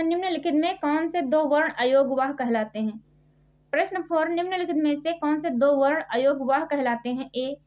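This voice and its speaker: Woman tutor, high voice, slow and repetitive quiz delivery, dull lo-fi recording. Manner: repeats each question and answer slowly, spelling out sounds. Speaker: Hindi grammar teacher. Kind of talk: quiz-style exam prep lesson. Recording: dull lo-fi sound.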